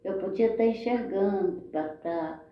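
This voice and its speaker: A woman's voice: medium pitch, a little slow. Woman telling her story in an echoey room. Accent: Brazilian Portuguese. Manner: heartfelt, repetitive, often turning to listeners with "gente" and "né". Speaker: storyteller sharing her life. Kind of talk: personal storytelling. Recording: very echoey, dull lo-fi sound.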